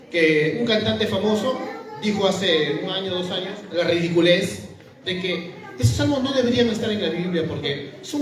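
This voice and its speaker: Male pastor, high voice, chatty sermon full of questions; recorded from far off in a very echoey room. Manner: conversational preaching, full of rhetorical questions.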